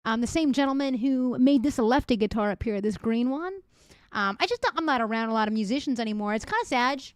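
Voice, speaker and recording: A woman's voice: fairly high pitch, animated, quick pace, clean tone, no echo. A woman streamer chatting casually with her live chat while reacting to news clips. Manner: chatty, talks to chat directly.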